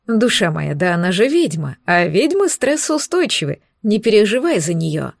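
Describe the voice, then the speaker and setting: A woman's voice: mid-range voice, expressive, normal speed, gravelly, no room sound. A woman voicing a smug, possessive male demon in a storybook reading. He speaks in a mocking, self-assured way. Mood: condescending.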